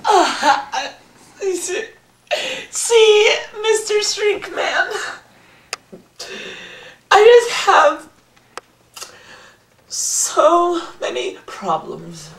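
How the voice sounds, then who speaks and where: A shaky, disturbed patient, as a man plays him in an amateur comedy sketch, his voice squeaky and very high, drawn out slowly. He quavers and giggles, sliding from whispers into wails. The room is echoey, with a faint hiss. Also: big pitch swings, fairly bright tone, heavily acted. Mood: giggly. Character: shaky disturbed man confessing odd flaws. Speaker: therapy patient.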